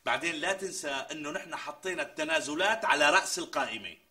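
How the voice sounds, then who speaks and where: An actor playing a skeptical friend in a TV comedy sketch, reacting with exclamations and disbelief. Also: male voice, on the high side, wildly swooping pitch, racing, gravelly, pushed and bright, heavily acted. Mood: incredulous. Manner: exclamatory, incredulous. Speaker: comic sketch character.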